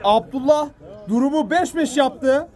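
A man giving excited, exclamatory live football commentary, often repeating phrases and players' names. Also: measured pace. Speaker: match commentator. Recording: loud crowd behind, outdoor match. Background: cheering crowd at an outdoor pitch.

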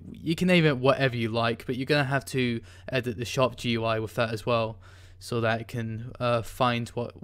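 In this screen-recorded coding tutorial, the host's medium-pitched voice sounds smooth and clean. His talk is casual and hesitant, packed with ums and restarts as he types, and faint keyboard clacks can be heard.

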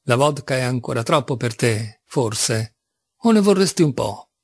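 A man's voice: medium pitch, expressive, unhurried, no room sound, clean studio sound. A man reading an audiobook, voicing a mocking, ironic young male seminarian who teases with astonished sarcasm. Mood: teasing. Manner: teasing, sarcastic, by turns astonished. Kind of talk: audiobook reading of a classic novel.

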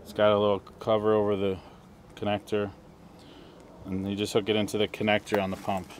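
In the sunny woods by his vehicle, a middle-aged man who vlogs about camping explains a product setup step by step while handling gear, easygoing throughout. His lowish voice is monotone and fairly quick, with background noise behind it.

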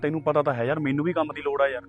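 A man playing a nervous, fast-talking young guy. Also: a little high, flat delivery, narrow, tinny audio, soft background music, natural voice. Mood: worried. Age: young adult. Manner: worried, hesitant. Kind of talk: short film dialogue.

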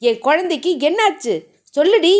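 A woman voicing a young possessive husband who shouts and scolds, in a novel reading. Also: high-pitched, very animated, moderate pace. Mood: angry. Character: possessive young man, hot-tempered husband.

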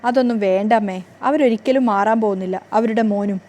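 A woman voicing a patient, gentle young wife, in a plain reading voice. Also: medium pitch, fast, natural voice. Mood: calm.

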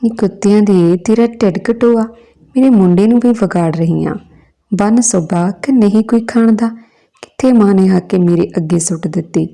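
A woman's voice: medium pitch, normal speed, creaky, dark tone, close to an everyday voice. Woman doing an angry cursing village mother. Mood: furious. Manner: cursing, scolding.

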